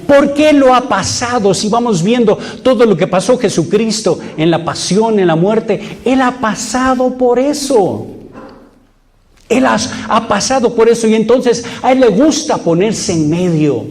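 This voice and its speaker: A man's voice: sits high, lively intonation, measured pace. A middle-aged man preaching as a priest, emphatic, repeating phrases and putting questions to the congregation. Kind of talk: sermon.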